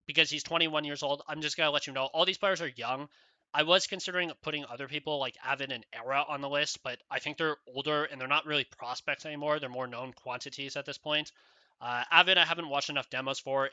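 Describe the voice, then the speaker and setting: A man's voice: mid-range voice, bright, forceful tone, no echo. A man giving rambling solo esports commentary, casual, with many fillers and "right?" tags.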